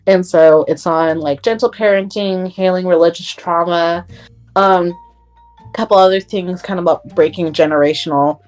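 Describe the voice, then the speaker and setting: A woman's voice: fairly low pitch, fairly even intonation, moderate pace, darkish tone, soft background music. A young woman co-hosting a podcast, chatting casually with lots of fillers and laughs. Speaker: podcast co-host. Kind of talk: casual chat.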